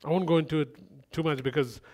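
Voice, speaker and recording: He talks fast, this fairly high-voiced man preaching a sermon in a relaxed, conversational way. Lighthearted asides slip in, and his points grow through phrases he repeats.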